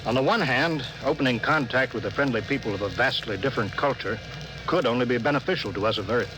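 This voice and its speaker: An actor playing a stern, authoritative starship captain in a 1950s radio drama, speaking in a clipped, commanding way. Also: male voice, mid-range voice, fast, music in the background, natural voice. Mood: stern, deliberate. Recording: noisy old 1950s radio broadcast.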